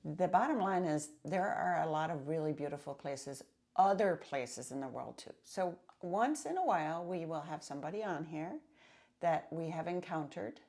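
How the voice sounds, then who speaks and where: Lady in her 50s cohosting, lowish voice, lots of uh's, easygoing chat. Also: lively intonation, darkish tone. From Denmark. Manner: unhurried, with many filler "uh"s. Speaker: podcast co-host. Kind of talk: casual chat.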